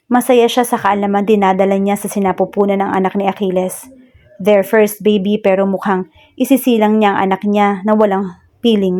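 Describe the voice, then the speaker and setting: Mellow woman narrating a romance story. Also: medium pitch. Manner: mixes Tagalog and English, voices all characters lightly.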